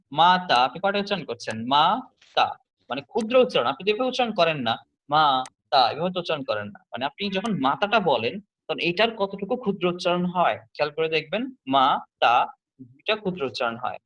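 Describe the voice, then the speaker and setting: A man's voice: fairly high pitch, fairly bright tone, muffled recording. A man teaching an online class. He explains step by step, repeats his key points and puts questions to his students.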